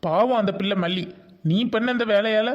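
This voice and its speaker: A man's voice: high-pitched, moderate pace, natural voice. A man playing a stern scolding schoolteacher with a Tirunelveli Tamil accent. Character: stern male schoolteacher, strict. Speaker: teacher. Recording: dull lo-fi sound.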